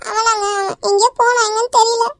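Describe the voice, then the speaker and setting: Someone voicing a squeaky, tearful cartoon mother. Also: level tone, quick pace, no room sound, studio quality. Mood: tearful pleading. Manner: pleading, sobbing. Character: distraught mother, middle-aged woman, tearful. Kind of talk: animated cartoon dialogue.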